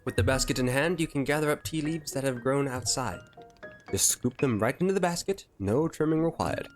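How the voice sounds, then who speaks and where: A man's voice: mid-range voice, animated, brisk, faint music behind, lightly acted. A man voicing a posh, polite male tea shop keeper, reading game dialogue aloud with formal phrasing. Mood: instructive.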